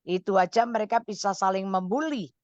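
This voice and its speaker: A woman counselor on a radio call-in show, giving motherly advice in a lively, caring way. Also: mid-range voice, a little fast, no echo, dull audio.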